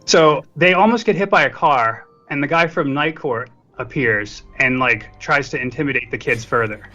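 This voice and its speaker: Dull lo-fi audio with faint music carries a man's mid-range voice at normal speed, bright and forceful. He's a guest co-reviewer on a podcast, chatting casually about films with joking self-deprecation.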